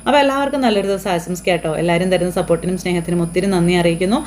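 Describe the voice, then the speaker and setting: A woman's voice: lowish voice, racing, a little mellow. A woman from Kerala chattily recapping a TV serial episode, often adding tag questions for her listeners. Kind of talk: casual spoken story recap.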